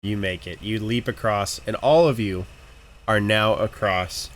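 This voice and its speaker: A man running a tabletop game as game master, narrating and ruling on rolls in a relaxed, joking way. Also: lowish voice, a little slow.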